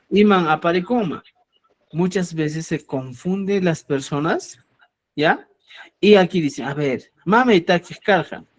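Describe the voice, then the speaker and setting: Male language teacher, high animated voice, slow and deliberate delivery, checks understanding often. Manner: explains slowly, checks in with a frequent "¿ya?"; addresses listeners as "estimados amigos". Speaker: Quechua teacher. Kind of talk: online grammar lesson.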